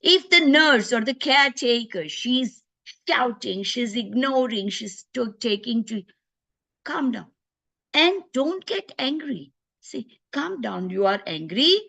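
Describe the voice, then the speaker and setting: Slow-speaking woman physician giving advice. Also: fairly high pitch, lively intonation, vocal fry, pushed and bright. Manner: unhurried and explanatory, voicing patients' inner thoughts. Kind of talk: informal health talk.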